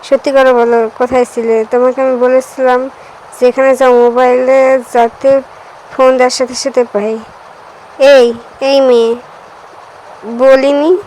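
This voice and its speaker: A stern, possessive young husband barks short orders and scolds his wife, gruff and bossy, as a woman narrator reads his lines. The voice stays high and fairly flat, the way a storybook character voice is read aloud. A faint hiss sits behind it. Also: measured pace, pauses often, low-quality recording. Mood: scolding. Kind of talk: audiobook character voice.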